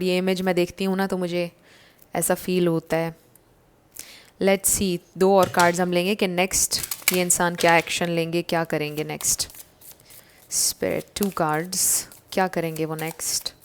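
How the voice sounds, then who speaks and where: A woman giving a casual tarot reading to her viewers, gentle and reassuring, slipping English phrases into her talk. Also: mid-range voice, clean tone. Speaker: tarot card reader.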